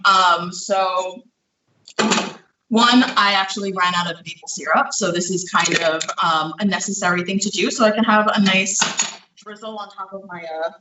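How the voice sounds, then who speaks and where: Somewhat out of breath while working, a home baker talks through a recipe in a live demo, chatty and full of fillers. Their mid-range voice stays fairly even at a moderate pace, picked up from afar in an echoey kitchen with background noise.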